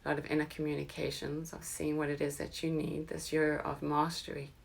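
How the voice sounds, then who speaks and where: A woman leads a slow guided meditation, her voice low and gravelly. She keeps her pitch even and soothing, often sinking into a breathy whisper.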